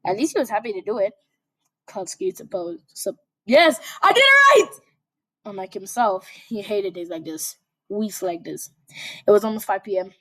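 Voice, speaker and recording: A woman's voice: medium pitch, moderate pace, dark tone. A young woman casually reading fan fiction aloud, breaking off for chatty, giggly asides. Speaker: fanfic reader.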